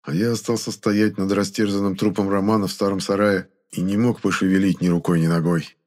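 Man narrating an audiobook, lowish voice. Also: level tone, brisk, darkish tone. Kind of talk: first-person audiobook narration.

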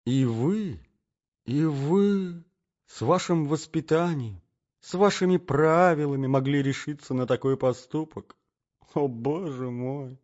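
A scheming middle-aged lady, put on by a male reader, who speaks in a soft, mournful, coaxing tone that hides her calculations. Her voice is lifted above the reader's own, on a muffled audiobook track. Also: a little high, big pitch swings, unhurried, voice pushed up. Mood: reproachful. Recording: dull lo-fi audiobook recording.

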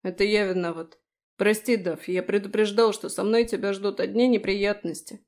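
Female narrator doing a cocky male fairy guardian, grumbling and teasing, mellow tone. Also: mid-range voice, fairly even intonation, normal speed, lightly acted.

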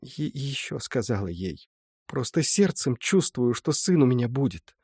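A man reading the part of an old village mother who confesses her past softly and tearfully, in a folksy storytelling way. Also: medium pitch, very animated, normal speed, slightly rough, no echo, studio quality. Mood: confiding. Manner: soft storytelling, folksy and confiding. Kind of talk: audiobook reading.

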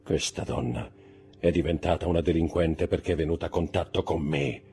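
A man's voice: rumbling low, fairly even intonation, a little fast, a little mellow, faint music behind. A man reading an audiobook who voices an anguished, haunted royal prosecutor, crying out in desperate outbursts. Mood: tormented.

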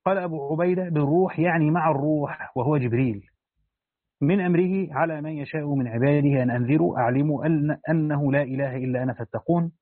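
Brisk man reading a religious text. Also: fairly high pitch, dry recording. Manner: brisk recitation of the text, with plain spoken asides to students. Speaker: teacher reading and explaining a Quran commentary. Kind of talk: religious lesson, reading a text aloud with comments. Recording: dry, thin phone-like line.

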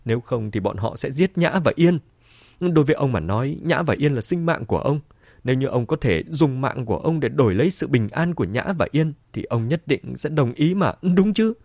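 A man's voice: mid-range voice, darkish tone, dry recording, clean studio sound. A man voicing a desperate middle-aged wife who pleads and shrieks in a raised voice. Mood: pleading.

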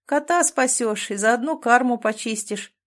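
A woman's voice: a little high, unhurried, voice pushed up, lightly acted. A woman reading an audiobook, voicing a lazily drawling male rescuer who teases his colleague. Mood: lazy teasing. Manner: drawling, lazy.

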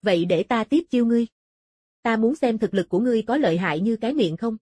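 A woman plays an arrogant rival fighter in a fantasy audiobook. The delivery is haughty, taunting and menacing, in a dark, husky voice with very dry sound. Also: fairly high pitch, expressive, fast, no echo. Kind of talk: audiobook character dialogue.

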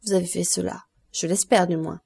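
A woman reading the part of a cold, stern male magistrate who accuses with measured contempt in an audiobook. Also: on the low side, flat delivery, creaky, a little mellow, husky, exaggerated voice. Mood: contemptuous.

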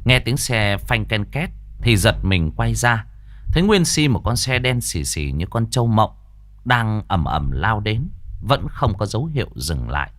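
A man's voice: fairly low pitch, sing-song, a little slow, a bit bright, no room sound, clean studio sound. A man narrating a story in a vivid, earthy way.

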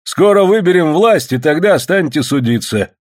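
A man voicing Pakhom, a calm, steady older male prospector who speaks in measured, admonishing tones. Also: on the high side, pitched above the performer's own voice, close to an everyday voice. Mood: stern.

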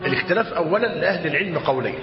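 A man with an Egyptian accent teaching a religious lesson, slowly dictating and repeating each phrase and quizzing his students. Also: on the high side, animated. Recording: dull roomy hall recording, faint hiss.

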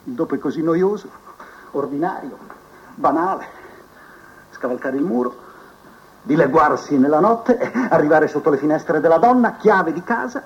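An actor playing a proud, scheming male prison inmate who believes he is a genius, musing aloud to his cellmate in a theatrical TV drama monologue, drifting between soft mutters and sudden outbursts. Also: a little high, animated, moderate pace, pauses often, lightly acted. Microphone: cassette recorder mic held to a TV speaker. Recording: muffled TV audio taped off a set onto cassette.

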